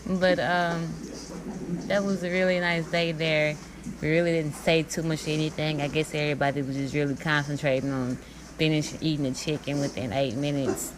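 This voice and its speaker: A woman's voice: low voice, flat delivery, brisk, background noise. A woman narrating her own food challenge video in a laid-back, chuckling way. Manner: laid-back, chuckling, talks with mouth full. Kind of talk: casual voice-over commentary.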